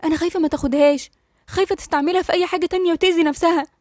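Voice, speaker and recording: A woman's voice: very high-pitched, rapid-fire, no echo, studio quality, voice pushed up. A woman with an Egyptian accent reading an anxious, frightened young woman.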